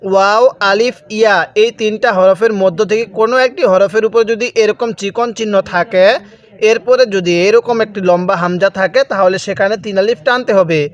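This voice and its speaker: Man, Quran teacher, high voice, spells out letters, slow drawn-out recitation, asks questions and answers them. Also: dull audio. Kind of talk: step-by-step recitation lesson.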